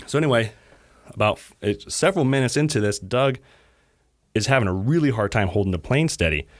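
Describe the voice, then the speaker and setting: A man's voice: medium pitch, fairly quick, no echo, studio quality. A man co-hosting a podcast, retelling a story casually and raising his voice to quote radio calls. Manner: animated retelling, quoting radio calls in raised voice. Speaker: podcast co-host.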